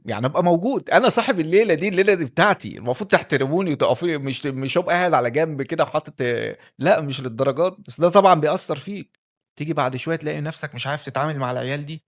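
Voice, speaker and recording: A man with an Egyptian Arabic accent telling a personal life story as a candid, conversational monologue, speaking straight to the listener. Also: medium pitch.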